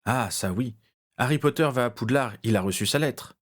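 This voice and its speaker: A man voicing a polite, composed undercover policeman who speaks in a courteous, measured way. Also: mid-range voice, lightly acted.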